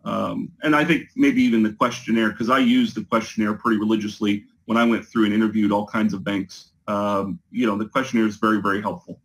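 A man's voice: lowish voice, steady tone, a little fast, hardly any pauses, low-quality recording. A man on a video call from his home office, giving an interview testimonial, talking hesitantly with many fillers and restarts. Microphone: video call with a poor connection.

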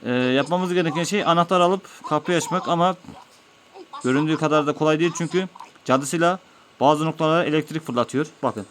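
Man calmly walking viewers through a game. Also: fairly high pitch, fairly quick, a little hiss or hum. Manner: explains each step patiently to viewers. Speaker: gaming YouTuber. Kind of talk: let's-play commentary.

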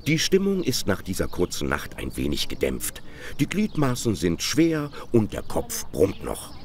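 A man's voice: low voice, wildly swooping pitch, measured pace. A man narrating a television documentary in a wry, playful scripted style.

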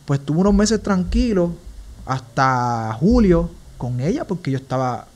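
A man's voice: on the high side, sing-song, a little slow, darkish tone. A young man with a Puerto Rican accent, a podcast guest telling his personal story earnestly and with emotion. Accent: Puerto Rican Spanish. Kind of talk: personal testimony in a casual interview.

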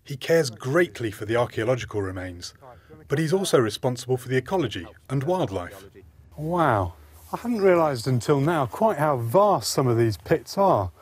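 A man's voice: mid-range voice, sing-song, normal speed, slightly rough. A man presenting a documentary walking tour, narrating and interviewing with marvelling enthusiasm on open downland. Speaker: landscape archaeologist presenter.

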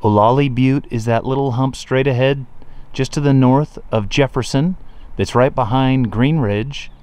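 Brief: man, mid-pitched, easygoing outdoor tour guide, pointing things out. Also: measured pace, clear, resonant tone. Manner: relaxed, enthusiastic, pointing out landmarks. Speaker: real estate video tour narrator. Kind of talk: casual property tour narration. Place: outdoors on a rural lot and riverside.

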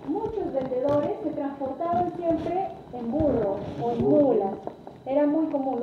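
A woman giving a guided tour explanation in a didactic way, often putting questions to her group. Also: high voice. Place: large echoey indoor room. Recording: lo-fi, noisy, very echoey, distant mic.

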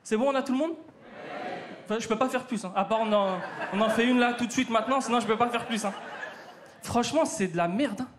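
On a theater stage, a man with a very high-pitched voice and a North African French accent fires off a chatty stand-up set at a quick pace. He speaks straight to the crowd, and there's background noise in the recording.

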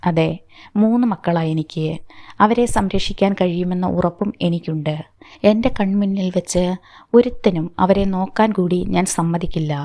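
A woman voicing a steady, protective middle-aged father who speaks firmly, in a warm, dry reading. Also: on the low side, no echo, lightly acted. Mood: defiant. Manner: firm, reassuring.

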